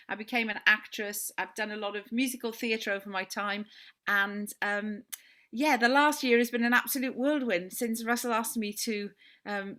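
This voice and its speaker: A woman's voice: on the high side, bright, forceful tone. A middle-aged woman with a south Welsh accent, introducing herself informally as a guest on a panel. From Neath, south Wales.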